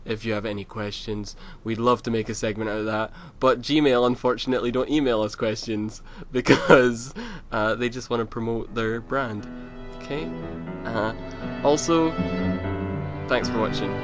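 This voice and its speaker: A man's voice: mid-range voice, fairly even intonation, normal speed, faint music behind. A man hosting a casual podcast chat, teasing his co-hosts and steering the talk. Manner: teasing, joking, bossy about the topic. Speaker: podcast host.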